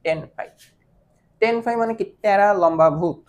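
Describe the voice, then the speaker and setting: A woman's voice: mid-range voice, a little fast. Patient woman teaching math. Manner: patient, keeps checking understanding with questions; mixes English math terms into her speech. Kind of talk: online math lesson.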